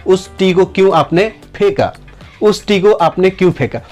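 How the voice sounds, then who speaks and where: A man teaching English grammar, who repeats and slowly stretches out each example sentence. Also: high voice, a little mellow, soft background music. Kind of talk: spoken lesson to camera.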